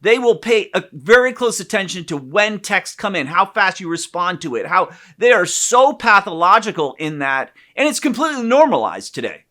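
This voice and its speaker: Man, casual podcast talk, bright tense voice, lively swoops, profane, loud emphatic bursts. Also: high-pitched, moderate pace, few pauses. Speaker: podcast co-host, therapist. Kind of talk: candid casual conversation.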